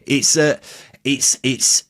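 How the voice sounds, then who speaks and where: This football podcast host keeps the quiz chat casual, full of playful teasing, jokes, and light swearing. His mid-range voice is steady and fairly bright, and he talks slowly. The clean studio sound carries no room reverberation.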